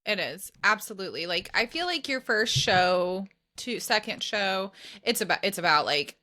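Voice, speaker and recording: A woman in her thirties co-hosts a podcast in easy, casual chat. Her voice is bright and forward, at a middle pitch. She talks with eager enthusiasm and peppers it with "like" and restarts. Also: lively intonation, normal speed. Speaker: podcast co-host.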